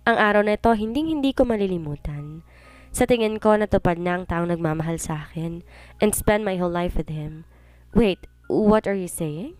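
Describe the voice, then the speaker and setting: A woman's voice: fairly low pitch, a little fast, smooth, dry recording. A woman narrating a first-person love story in an earnest, emotional way, mixing Tagalog and English.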